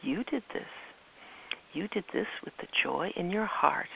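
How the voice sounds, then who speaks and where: A woman voicing a gentle, wise older woman who guides a child, speaking softly and slowly, often in a whisper. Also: mid-range voice, animated, creaky. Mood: soothing. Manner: soft, slow and coaxing, often whispered. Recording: muffled with faint hiss.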